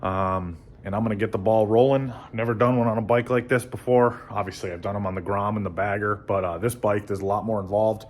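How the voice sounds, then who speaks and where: A man casually talking through motorcycle work in his garage, relaxed and rambling with many ums. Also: on the low side, brisk, few pauses. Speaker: motorcycle vlogger. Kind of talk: casual how-to narration.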